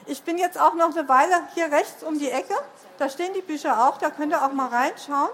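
A woman reading a children's book aloud at a bookshop event, lively storytelling with occasional slips. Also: high-pitched, a little fast.

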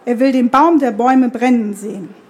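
A woman's voice: a little high, normal speed, darkish tone, close to an everyday voice. A woman voicing a determined young tree woman from a fantasy story, who speaks with firm, urgent earnestness.

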